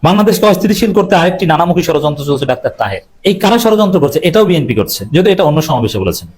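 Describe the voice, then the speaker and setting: A man's voice: a little high, very animated, rapid-fire, darkish tone. A man delivering emphatic political commentary, repeating slogans and adding scornful asides with English phrases mixed in. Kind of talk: fast political commentary monologue.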